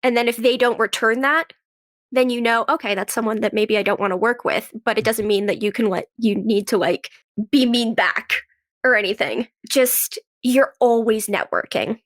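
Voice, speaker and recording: An actress and writer appearing as a podcast guest speaks in a fairly high voice at a moderate pace. In this conversational interview she explains things earnestly, drawing on her own working experience as a performer.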